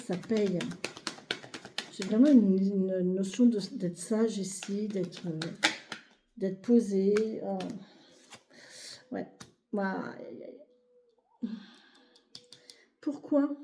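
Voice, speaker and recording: A woman's voice: mid-range voice, dark tone, slight background noise. A woman giving a weekly tarot reading to camera, speaking to viewers in a reassuring way and hesitating often with fillers and repeated phrases. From France. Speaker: tarot reader.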